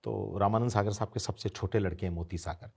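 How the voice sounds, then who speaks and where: A man's voice: lowish voice, fairly even intonation, a little fast, gravelly, a little mellow, husky. A man in his fifties, an interview guest, telling an anecdote and acting out the voices of the people he quotes. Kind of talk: storytelling anecdote.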